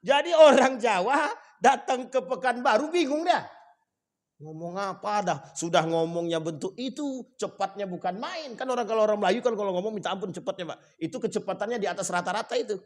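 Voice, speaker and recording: A man delivering a sermon in a fairly high voice. He talks directly to his listeners with rhetorical questions, climbing to loud emphatic peaks and then dropping to low, quiet stretches. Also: brisk. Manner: lively, swings between loud emphatic rises and low quiet drops. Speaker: preacher.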